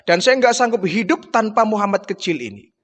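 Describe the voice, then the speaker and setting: A tearful, devoted nursing mother who begs to keep the child she raised, as a male preacher puts her on. The voice rides high and emotional. A long reverb trails every line. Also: brisk. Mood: tearful pleading. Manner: emotional, pleading storytelling voice.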